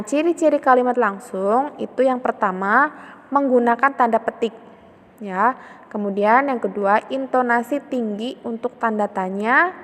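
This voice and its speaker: Patient woman teacher, fairly high voice, long reverb around her, lesson delivery. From Indonesia. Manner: patient, repeats points with tag question "ya". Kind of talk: classroom lesson explanation.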